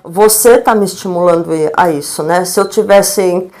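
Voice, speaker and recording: A woman's voice: on the low side, moderate pace. A middle-aged woman with a Brazilian Portuguese accent, a guest educator telling stories in a live-stream interview and acting out the dialogue she quotes. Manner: lively storyteller, acts out quoted dialogue, frequent tag questions.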